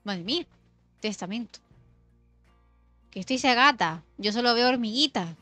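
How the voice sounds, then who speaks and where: A young woman talks to her stream chat while she plays, lively and expressive. Her voice sits a little high and sounds bright and forward. Faint music plays behind her. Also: moderate pace, no room sound. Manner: chatty and expressive, reacting to chat. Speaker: gaming streamer. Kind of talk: casual live-stream chat while playing.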